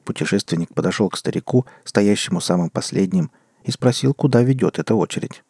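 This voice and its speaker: A man narrating an audiobook in a measured storytelling manner. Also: on the low side, darkish tone, slightly rough, no echo, clean studio sound.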